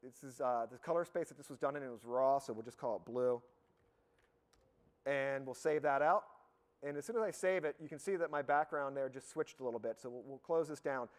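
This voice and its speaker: A man giving a live software demonstration as a product expert, talking in a casual, upbeat way with lots of fillers and restarts, his voice a little hoarse. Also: medium pitch, brisk. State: slightly hoarse, losing his voice.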